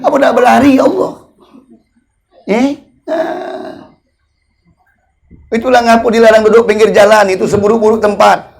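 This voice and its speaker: Ustadz guy w palembang accent, kinda high raspy fry voice, jokey sermon, stretches out the ya allah bits. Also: steady tone. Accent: Palembang Malay. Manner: joking, drawn-out chanted invocations. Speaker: ustadz preacher. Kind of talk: humorous colloquial sermon. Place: religious study gathering.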